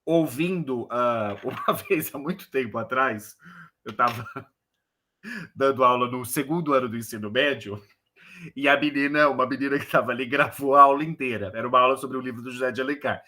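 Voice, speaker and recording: Man, poetry instructor, bright clear tone, casual explanatory online lecture. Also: mid-range voice, a little fast. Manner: casual explanatory, frequent "né" and "beleza"; counts syllables and recites verses aloud. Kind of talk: online lecture on verse rhythm.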